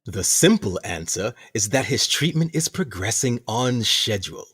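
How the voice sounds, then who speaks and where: In a radio play, an actor voices a smug, theatrical captain who runs a sinister prison colony, speaking in a pompous, deliberate, condescending manner. The male voice sits on the low side and sounds animated, a bit bright, and slightly rough, with a smug, menacing mood.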